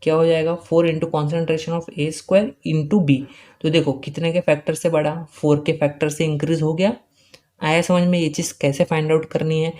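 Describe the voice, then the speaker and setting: A man giving an exam-prep chemistry lecture. He keeps asking questions and answering them himself, repeats key points, and slowly dictates important lines for students to note down. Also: fairly high pitch, flat delivery, a little mellow. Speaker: chemistry teacher.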